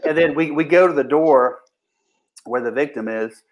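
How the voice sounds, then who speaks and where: A man's voice: on the high side, moderate pace, highs cut off. Profane, blunt police officer man. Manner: profane, blunt, restarts sentences often; acts out what people said in raised voices. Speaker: police officer recounting a shooting. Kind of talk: casual storytelling.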